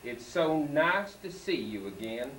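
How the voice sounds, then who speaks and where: A man's voice: mid-range voice, sing-song, a little slow, a bit bright, a little hiss or hum. A man reading a children's book aloud at a school program and cueing the student readers, heard on an old home video. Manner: reads the story and cues the student readers. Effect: old home video tape sound. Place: school hall. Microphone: far camcorder mic. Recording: echoey hall taped from far off.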